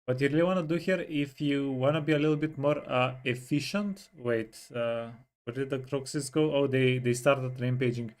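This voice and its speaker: A man explaining game tactics in a casual, step-by-step way, with frequent pauses to think. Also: medium pitch, darkish tone. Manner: explanatory, hesitant fillers, walks through tactics step by step. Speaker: co-host giving gameplay tips. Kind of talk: casual gameplay coaching.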